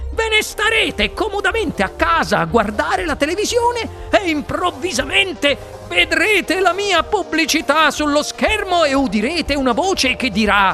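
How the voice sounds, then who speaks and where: A man reading an audiobook, voicing an eccentric male chocolate-factory owner who shouts theatrical, commanding exclamations. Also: very high voice, pitched above the performer's own voice, full character voice.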